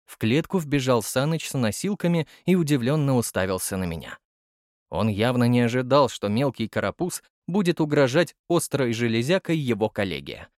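Male first-person audiobook narrator, expressive, animated delivery. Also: medium pitch, moderate pace, no echo, studio quality.

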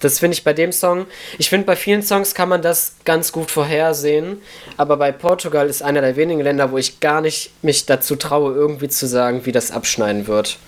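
A man's voice: fairly high pitch, steady tone, brisk. A man co-hosting a podcast in casual chat, stating his opinions frankly. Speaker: podcast co-host.

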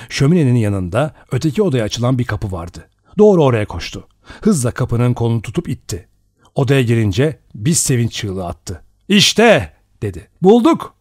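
A man narrating an audiobook in a measured, expressive storytelling manner. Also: medium pitch, slightly rough, no room sound, studio quality. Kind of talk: scripted narration.

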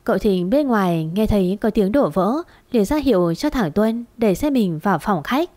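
A woman storyteller narrating a romance story in a steady, even manner. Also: mid-range voice, moderate pace.

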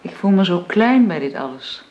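An actress playing a timid, humble young woman who speaks softly and apologetically, heard as in an old radio show. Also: fairly low pitch, expressive, moderate pace, roomy sound, lo-fi sound. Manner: soft-spoken, apologetic. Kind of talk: radio drama acting.

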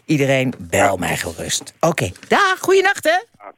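A late-night radio host chatting casually with callers, lively and full of fillers. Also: mid-range voice, a little slow, slightly rough, no echo. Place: radio studio.

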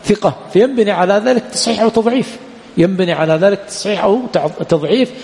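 A man teaching a classroom lecture on hadith sciences, repeatedly pausing to quiz his students on the next word. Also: high voice, vocal fry, darkish tone, long reverb tail. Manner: quizzes students with repeated "what?" prompts. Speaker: Islamic studies teacher. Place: lecture hall at a study center.

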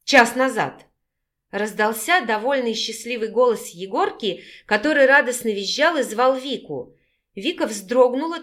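A woman giving steady scripted narration of a romance novel audiobook. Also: a little high.

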